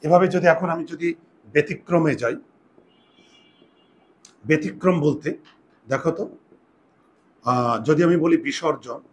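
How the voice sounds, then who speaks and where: A man's voice: a little high, unhurried, pauses often, a little hiss or hum. A man teaching a Bengali grammar lesson, patiently repeating key points and asking and answering his own questions.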